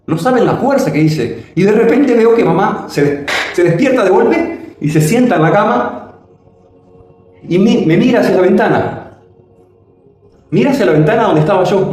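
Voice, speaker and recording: A man's voice: animated, darkish tone, faint music behind. Echoey, dramatic storyteller man. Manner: dramatic, swooping pitch with slow drawn-out phrases. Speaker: spiritual storyteller. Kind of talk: personal testimony. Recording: very echoey room.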